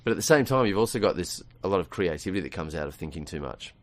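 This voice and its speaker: In a studio, a middle-aged man appearing as a radio guest talks in a low, animated, rapid-fire voice. His manner is rambling and casual, full of restarts and frequent laughter.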